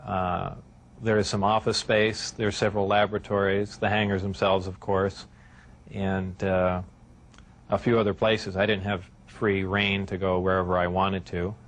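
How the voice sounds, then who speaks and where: A man's voice: low-pitched, flat delivery. Man on a worn VHS tape copy. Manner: hesitant, many filler pauses. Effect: worn VHS tape copy with faint hiss. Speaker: interviewee. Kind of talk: answering interview questions.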